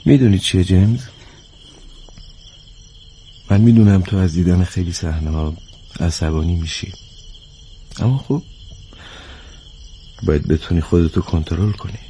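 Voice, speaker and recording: An actor dubbing a cautious, worried male colleague who reasons calmly but fearfully. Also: deep voice, pauses often, a little hiss or hum, natural voice. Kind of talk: dubbed film acting.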